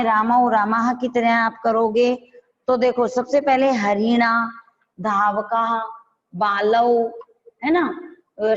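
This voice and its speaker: A woman's voice: a little high, long reverb tail, highs cut off. A woman teacher, giving an online class and patiently explaining step by step, asking questions back.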